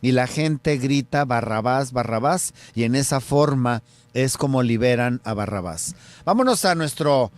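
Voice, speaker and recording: A man with a Mexican Spanish accent, a radio show host and surgeon, telling a story in a lively way and acting out the quotes. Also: medium pitch, measured pace, no echo. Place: radio studio.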